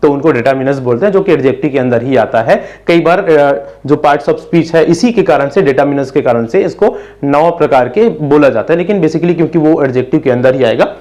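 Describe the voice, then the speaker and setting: A man with a fairly high voice gives a grammar lesson in Hindi. He keeps asking and answering his own questions and repeats the key points for his students. Every English example sentence comes out slowly and deliberately. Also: darkish tone.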